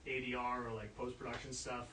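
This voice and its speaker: This man shows visitors around a recording studio in a casual walkthrough, rambling and filling his speech with filler words. His mid-range voice is bright and forceful, fairly quick, with little change in pitch. The mic sits far off, giving a roomy sound and slight background noise.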